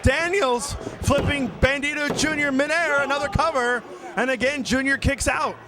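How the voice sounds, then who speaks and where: A man calling a live wrestling match play-by-play in excitable, exclamatory bursts. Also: extremely high pitch, moderate pace. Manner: excitable, exclamatory calls of the action. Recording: noisy arena with loud crowd behind. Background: crowd noise of a live wrestling show.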